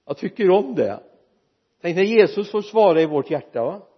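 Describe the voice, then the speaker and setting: A man preaching a sermon in a church, lively and joking with the congregation. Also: high voice, breathy edge, highs cut off. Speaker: pastor.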